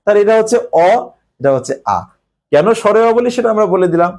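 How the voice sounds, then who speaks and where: A male teacher explaining a grammar lesson step by step, pausing often with hesitations. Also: sits high, lively intonation, darkish tone.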